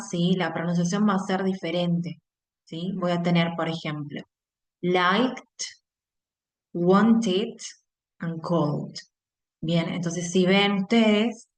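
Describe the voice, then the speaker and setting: A woman with an Argentine Spanish accent teaching an online English class, explaining step by step and checking in with her students after nearly every phrase. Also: fairly low pitch.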